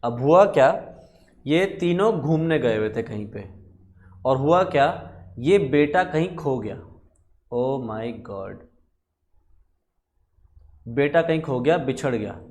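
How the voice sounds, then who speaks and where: Guy teaching contract law, kinda high voice, tells stories w little voices. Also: lively intonation, a little mellow. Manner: storytelling with quick voiced asides. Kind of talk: casual classroom lecture.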